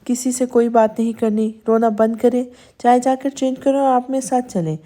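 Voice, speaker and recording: A woman's voice: fairly high pitch, steady tone, mellow, natural voice. A woman voicing a possessive, stern young husband who turns coaxing, in a spoken storybook. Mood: firm. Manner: firm, turning tender then sulky.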